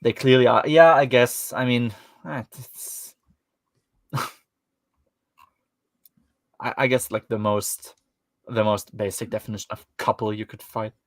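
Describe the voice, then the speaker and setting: A man's voice: mid-range voice, steady tone, a little slow, long pauses, no room sound. Podcast host, male, German accent, wry and rambling, dry close sound. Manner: rambling and wry, with many fillers. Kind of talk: casual book discussion.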